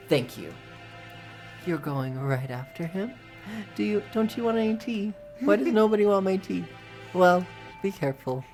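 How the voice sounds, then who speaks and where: A woman's voice: lowish voice, a little mellow. A woman voicing a proud, formal noble bird boy. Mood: polite. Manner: formal, stiff aristocratic diction. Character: earnest, proud young male noble bird. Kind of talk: reading visual novel dialogue aloud. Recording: faint music behind.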